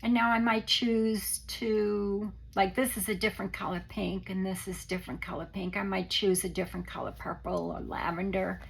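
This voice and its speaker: Sick and hoarse, this craft tutorial host guides viewers through a demonstration in a gentle, halting, offhand way, almost thinking out loud. Her croaky mid-range voice keeps fairly even intonation but slips into a papery whisper. The audio quality is poor.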